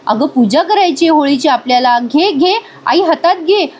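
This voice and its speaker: A woman's voice: high-pitched, lively intonation, moderate pace, a little mellow. A woman voicing a scheming young woman who pretends to be innocent, in a whiny, pleading tone raised above her narration.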